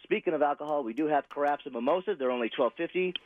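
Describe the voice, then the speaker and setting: A man's voice: on the high side, fast talker. A man calling in to a radio show to promote his restaurant's specials, upbeat and salesy, rattling off menu items. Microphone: telephone. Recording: tinny phone line.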